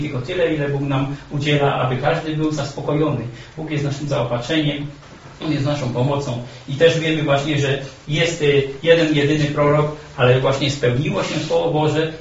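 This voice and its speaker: A man preaching a sermon in a halting way, with many fillers and restarts. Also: a little high, slight background noise. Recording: echoey, dull, from far off.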